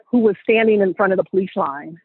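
A woman co-hosting a group call, telling stories in an animated way with laughter. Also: medium pitch, quick pace, husky, no room sound. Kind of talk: casual inspirational talk. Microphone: phone. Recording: phone line audio.

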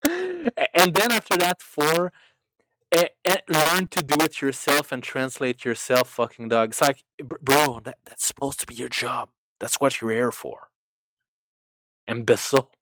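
A man's voice: mid-range voice, measured pace, no echo. A man from France with a French accent, talking casually and profanely on a podcast, too close to his mic so it clips and distorts. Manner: profane, animated storytelling with many restarts. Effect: clipping, distorted mic from speaking too close. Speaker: podcast co-host and fan translator. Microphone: close mic, too near.

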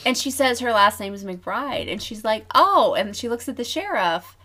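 A woman's voice: on the high side, normal speed. A woman co-hosting a casual chat, retelling a movie scene by scene, acting out the characters' lines and laughing often. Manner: animated storytelling, acts out characters' lines, frequent laughter. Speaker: podcast co-host.

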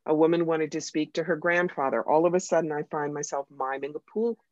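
An American psychic medium talks in an animated, emphatic way with a dry wit. The voice sits in the middle register. The sound is dry and slightly dull, like a modest lo-fi recording. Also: medium pitch, brisk, dry recording. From United States. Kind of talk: conversational interview storytelling.

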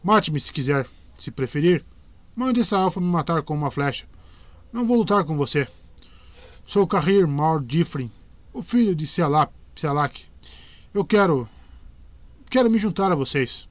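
A man's voice: fairly high pitch, lively intonation, normal speed, long pauses, no room sound, close to an everyday voice. A man voicing an earnest young male knight who insistently pleads and refuses, in a dry close recording. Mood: pleading.

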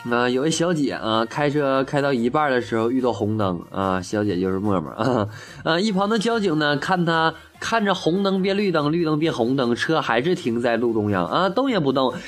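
A man's voice: mid-range voice, animated, normal speed, hardly any pauses. A man casually telling a string of jokes, acting out the quoted lines and laughing at his own punchlines. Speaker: joke teller. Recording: faint music behind.

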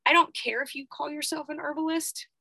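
A woman talking live on a stream, rambling and reflective, thinking out loud with lots of filler words. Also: sits high, steady tone, fairly quick, gravelly, dry recording, poor audio. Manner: reflective, self-examining. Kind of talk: unscripted live-stream talk.

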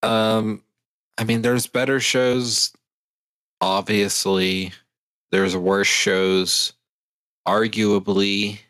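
A man co-hosting a casual podcast, speaking in a deadpan, monotone sarcastic way. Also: fairly low pitch, extremely slow, long pauses. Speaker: podcast co-host.

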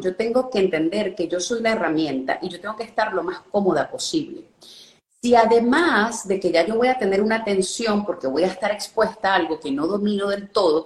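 A woman's voice: mid-range voice, roomy sound. A woman explaining speaking techniques as a guest coach, checking in with listeners often. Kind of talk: instructional live-stream talk.

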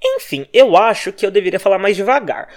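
A young Brazilian man with a Brazilian Portuguese accent vents on his solo podcast from home. He rattles through his thoughts quickly, his pitch leaping up and down as he curses. His home microphone clips now and then. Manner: fast-talking, animated and profane. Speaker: podcast host. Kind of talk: casual solo podcast rant.

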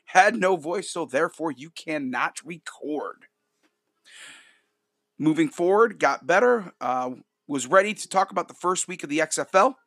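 A man's voice: fairly high pitch, lively intonation, a little slow, a bit bright, no echo, studio quality. A man from upstate New York hosting a sports podcast, talking casually and with opinion, repeating phrases for emphasis. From Rochester, New York, United States.

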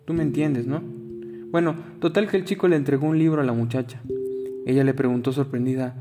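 A man's voice: mid-range voice, fairly even intonation, fairly quick. Older mexican guy spinning a yarn, chatty and earthy, guitar playing behind. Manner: folksy, chatty, earthy asides. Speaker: storyteller, key cutter. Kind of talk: spoken storytelling to a listener.

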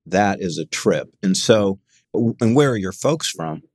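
An older man hosts an interview podcast in a very deep voice. He opens with a polished announcer-style read, then shifts into loose, joking conversation. His voice is recorded dry and close. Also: expressive, measured pace, darkish tone, dry recording. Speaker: podcast host. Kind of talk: interview podcast with scripted intro.

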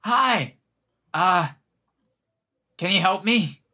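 A man voicing a tiny elf townsman in a tabletop game, squeaky, rambling and politely exasperated, with casual swearing. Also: animated, drawn-out words, sharp tone, breathy edge, full character voice. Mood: pleading.

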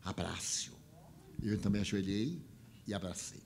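A man's voice: medium pitch, lively intonation, unhurried, slight background noise. Older man telling an emotional story. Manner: emotional, swings between soft and raised voice. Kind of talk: heartfelt storytelling talk.

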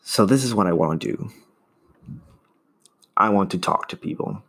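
Man, solo podcast host, very low gravelly voice, earnest and halting. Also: lively intonation. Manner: earnest, searching for words with restarts. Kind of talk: casual opinion monologue.

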